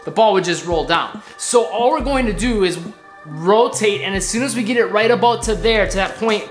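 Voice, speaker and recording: A man in his thirties sits on a living-room couch, coaching basketball drills and demonstrating them as he talks in an upbeat way. His voice is high and his pace moderate. The room echoes, and faint music plays behind him.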